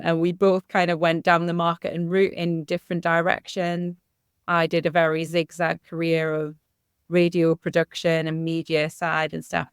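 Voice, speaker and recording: Northumberland accent woman, casual podcast guest chat, bit of vocal fry, clear voice, dry close sound. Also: deep voice, no echo. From Northumberland, England. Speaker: podcast guest, marketing consultant. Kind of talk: casual conversational storytelling.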